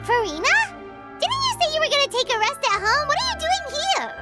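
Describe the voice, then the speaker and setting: A woman voicing a tiny chirpy floating companion in a video game, bubbly and quick to tease. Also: very high-pitched, big pitch swings, heavily acted. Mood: surprised. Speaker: travel companion. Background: game music.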